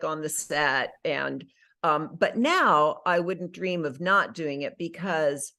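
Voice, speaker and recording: A middle-aged actress and audiobook narrator chats casually in an interview, animated and full of fillers and self-corrections. Her voice is lowish.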